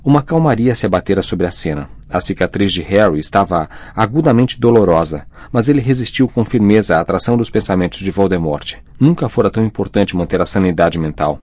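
A male audiobook narrator reads in a steady, measured way. His voice sits very low, and the close studio recording is dry with no room sound. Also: no room sound. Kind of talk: scripted narration.

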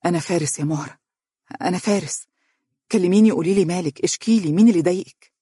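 A narrator voicing a desperate young man in an Egyptian accent, calling out softly and insistently. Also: medium pitch, racing, breathy edge, no room sound, clean studio sound. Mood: pleading. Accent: Egyptian Arabic. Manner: soft, coaxing, insistent.

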